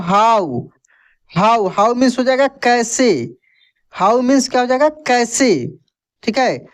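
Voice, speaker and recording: Slow, patient male language teacher. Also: very high voice. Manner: spells words letter by letter, repeats them, asks and answers his own questions. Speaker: English teacher. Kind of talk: spoken language lesson.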